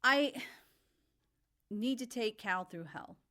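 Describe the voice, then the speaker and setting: A woman voicing a breezy young wife who guides souls, talking briskly and staying calmly firm. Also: a little high, full character voice.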